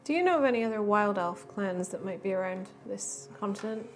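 A woman's voice: medium pitch, lively intonation, brisk, slight background noise. A woman playing a tabletop role-playing game, talking in casual in-game conversation.

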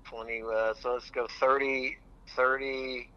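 A man's voice: mid-range voice, level tone, a little slow, clean tone. A man calling in on a buzzy, glitchy phone line, guessing hesitantly through a quiz and swearing mildly. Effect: buzzy, glitchy phone call audio. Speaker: caller playing a phone quiz. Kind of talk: casual on-air phone chat.

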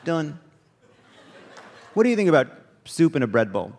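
A man's voice: a little high, very animated, a little slow, darkish tone, a little hiss or hum. Wry male host on a reverberant stage. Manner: wry, teasing quizmaster. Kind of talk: live comedy podcast game on stage. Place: large theater stage before an audience. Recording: live theater with long reverb.

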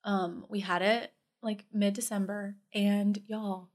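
A woman's voice: mid-range voice, little pitch movement, slow. A Southern woman co-hosting a casual chat, rambling and laughing often as she talks. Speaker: podcast co-host.

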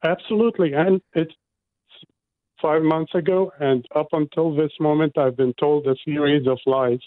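A man's voice: a little high, fairly even intonation, normal speed, no room sound. A man from Iraq, a guest on a radio interview, speaking earnestly and indignantly about his home. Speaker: guest, resident. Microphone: phone. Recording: dry tinny phone line.

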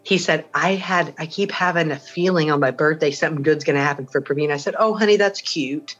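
A woman recounting a confrontation in an emotional interview, blunt and animated, swearing and acting out what people said. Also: low-pitched, quick pace, muffled recording. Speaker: interviewee, local radio host. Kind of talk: emotional personal storytelling.

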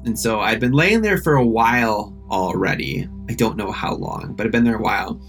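A man's voice: fairly low pitch, expressive, moderate pace, a bit bright. A man casually recounting his own ordeal, chatty and self-deprecating, with lots of filler words. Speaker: interviewee recounting his accident. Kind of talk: casual first-person recollection. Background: faint music.

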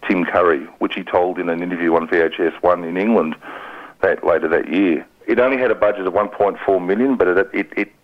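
A man's voice: low-pitched, fairly quick, narrow, tinny audio. A man casually sharing film trivia as a radio review presenter.

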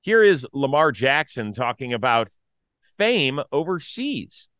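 A middle-aged man co-hosting a casual sports talk show, animated and opinionated, full of quick asides. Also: medium pitch, clean tone, dry recording. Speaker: podcast co-host.

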